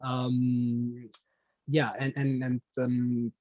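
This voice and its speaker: A man's voice: medium pitch, monotone, very slow, no room sound, lo-fi sound. A man from Spain, a guest on an interview show, speaking casually with many restarts and fillers. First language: Spanish. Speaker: podcast guest.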